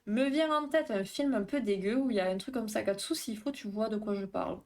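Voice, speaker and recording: This is a woman therapist running a live stream, reading viewer comments aloud in easy conversation. She speaks rapidly and keeps tripping over words, in a medium-pitched, slightly mellow voice.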